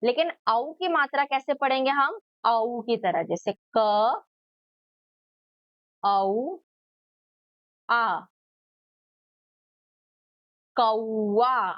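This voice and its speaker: A woman teaches young children, breaking words into single sounds and then blending them, always answering the questions she puts to them. Her voice sits a little high and moves at a very slow, patient pace. The recording is dry and somewhat dull, with no room sound. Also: no echo. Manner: slow, sounds out letters one by one, asks and answers own questions. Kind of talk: children's Hindi lesson.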